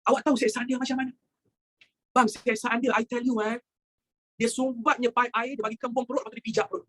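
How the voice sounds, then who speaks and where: A young male teacher with a Malaysian Malay accent, giving an animated history lesson to his students, slipping in English phrases and acting out quotes. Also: very high-pitched, fast talker.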